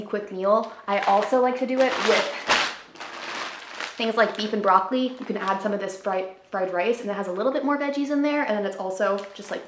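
A lifestyle vlogger in her twenties chats casually to camera in her living room at home, upbeat and full of "like" fillers as she shows off groceries. Her mid-range voice sounds roomy against a noisy background.

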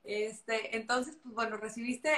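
A woman's voice: on the high side, flat delivery, unhurried, reverberant, a crowd in the background. A woman from Mexico with a Mexican accent, hosting a casual live video chat, playful and enthusiastic, with Mexican slang. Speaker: host. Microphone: video call.

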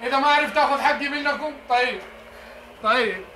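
An actor playing a hot-headed young man who shouts, whines and threatens revenge. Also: very high voice, a little fast. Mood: complaining. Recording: echoey, noisy old TV audio.

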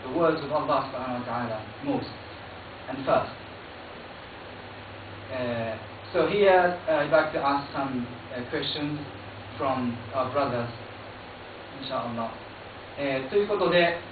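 A middle-aged Japanese man moderating a panel in a small meeting room, switching between Japanese and halting English with many fillers. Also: fairly high pitch. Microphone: stand mic, filmed from far camera. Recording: echoey, distant, phone-like hiss.

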